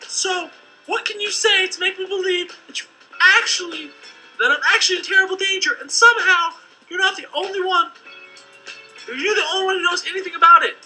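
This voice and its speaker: Skeptical young woman, game character, high, bright, teasing, light music behind. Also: brisk, heavily acted, low-quality recording.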